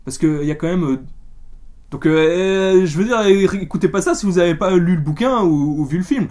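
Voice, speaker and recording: A man's voice: high voice, moderate pace, darkish tone. A man giving a casual spoken film review, chatty and full of fillers and restarts. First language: French.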